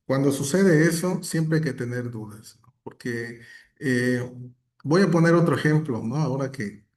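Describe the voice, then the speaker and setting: A man talks reflectively as a guest academic, his voice mellow and dark. He builds his points through examples and keeps checking in with short questions. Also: mid-range voice, a little slow. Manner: reflective, gives examples, frequent tag questions. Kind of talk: conversational talk.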